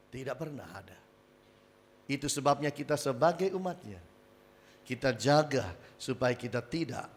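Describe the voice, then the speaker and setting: A male pastor delivering a sermon in a high, bright voice. He moves between soft, confiding asides and loud, emphatic declarations. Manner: lively preacher, swings from loud emphasis to quiet asides. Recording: church hall with reverb.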